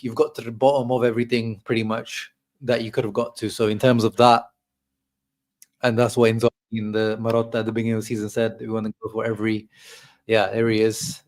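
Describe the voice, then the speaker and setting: Man, football reaction host, dejected, measured tactical talk, restarts often. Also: lowish voice. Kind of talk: casual match reaction chat.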